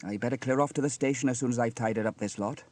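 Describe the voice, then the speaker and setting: A man's voice: mid-range voice, quick pace, darkish tone, no echo, lightly acted. A man voicing a cheerful, kindly inventive fireman uncle with a hearty manner in a children's story. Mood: resigned, kindly. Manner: hearty, exclaiming.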